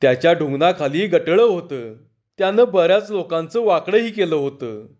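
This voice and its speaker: A man narrating a humorous folk story in an expressive, lively storytelling style. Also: on the high side, normal speed, highs cut off.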